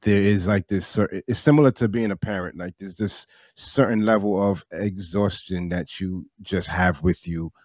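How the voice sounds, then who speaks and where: A man hosting a podcast interview, measured and sprinkling his talk with "um"s. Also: low-pitched, no room sound, clean studio sound. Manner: measured, many "um"s and backchannels. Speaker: podcast host.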